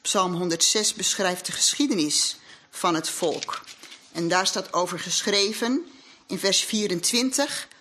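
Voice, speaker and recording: A woman's voice: lowish voice, a little slow, sharp tone, a little hiss or hum. Earnest woman preaching a sermon. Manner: earnest, reflective preaching with scripture quotes. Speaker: lay speaker at a congregation. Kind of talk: sermon with personal testimony. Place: church hall.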